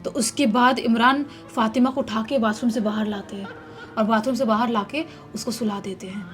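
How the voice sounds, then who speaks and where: A woman narrates a true horror tale in a relaxed, chatty way, with a fairly high voice. Faint music runs underneath. She recounts the events plainly, like telling a friend. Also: normal speed. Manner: casual, conversational retelling. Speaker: horror storyteller.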